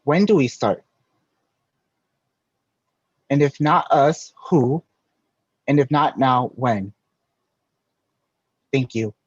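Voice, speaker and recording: Man narrating a design pitch, dry and dull. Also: expressive, breathy edge, dry recording. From United States. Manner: measured, rhetorical. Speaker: presenting designer. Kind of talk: scripted presentation narration. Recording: dry, dull voice-over audio.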